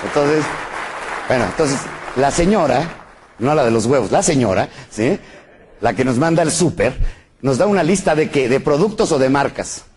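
A man's voice: mid-range voice, animated, moderate pace, darkish tone, a faint crowd, a little hiss or hum. A man with a Mexican accent giving a live business lecture with jokes, quizzing the audience with frequent tag questions. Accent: Mexican Spanish. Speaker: seminar speaker.

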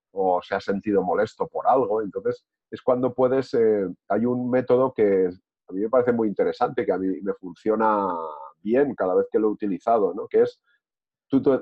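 A man's voice: fairly low pitch, husky. A man speaking reflectively in a casual group discussion, with many hesitations and restarts. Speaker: discussion participant. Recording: tinny phone-like line.

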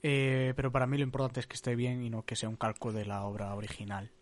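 A man, co-hosting a podcast, speaking in a measured way with hesitant fillers. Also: mid-range voice, monotone. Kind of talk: casual chat.

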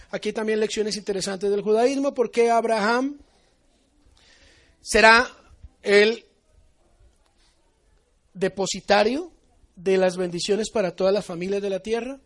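A man with a Colombian accent giving an animated Torah teaching to his congregation, acting out little everyday dialogues as he goes. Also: high voice.

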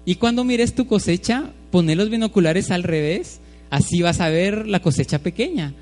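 A man's voice: high voice, animated, moderate pace, darkish tone. A man voicing a sly male salesman in a told story, coaxing and explaining in his own plain voice. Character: sly adult male salesman, smooth talker. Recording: long hall reverb, faint music.

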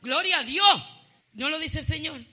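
A woman pastor delivers a fervent sermon in a bright, forceful voice. She punctuates her points with bursts of praise. At times she climbs into shouted emphasis. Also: sits high, animated, normal speed. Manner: fervent preaching, often repeating "gloria a Dios", with shouted bursts.

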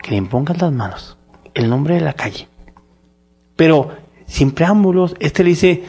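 A man's voice: fairly high pitch, measured pace, breathy edge. A man with a Mexican Spanish accent co-hosting a casual religious discussion podcast, telling stories with energy and acting out the dialogue. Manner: animated storytelling, acts out dialogue. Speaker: podcast co-host.

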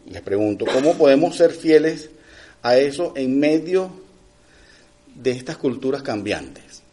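A middle-aged man delivers a conversational sermon at a medium pitch with lively intonation. He frequently checks in with his listeners through quick asides, and his delivery swings between loud, emphatic lines and quiet ones.

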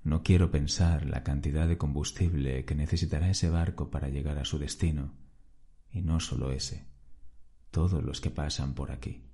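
A man, calmly narrating a first-person story as a podcast host. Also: a bass voice, moderate pace.

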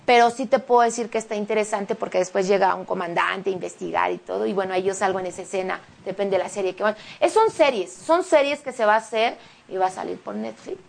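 In a casual interview chat, a woman who sings and acts speaks with a Mexican Spanish accent, chatty and emotional as she quickly and animatedly retells a story. Her mid-range voice has a creaky quality.

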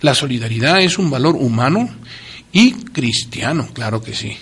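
A man's voice: mid-range voice, animated, moderate pace, fairly bright tone, husky. A man speaking in a preacherly, emphatic way on a religious talk program, often repeating his key phrases for stress.

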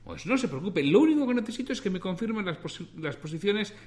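A man's voice: high-pitched, sing-song, fast talker, a little mellow, voice pushed up. A man voicing a polite, composed male call-centre operator who speaks formally and reassuringly. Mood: courteous.

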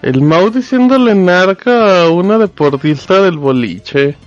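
Teasing Mexican man with a high voice. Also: lively intonation, measured pace, no room sound, muffled recording, faint music behind. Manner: teasing, playful. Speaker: podcast co-host. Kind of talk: casual live podcast banter.

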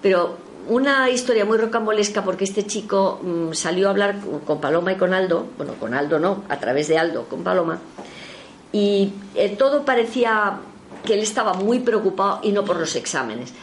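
A woman telling a spiritualist story in a casual spoken anecdote, her voice leaping in pitch when she quotes others. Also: expressive, normal speed, a little hiss or hum. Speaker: storyteller recounting a spiritualist session.

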